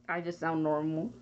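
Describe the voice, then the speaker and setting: A young woman from Texas giving a casual, rambling spoken answer for a class, often hunting for words and trailing off. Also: deep voice. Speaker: student. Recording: dull lo-fi home recording.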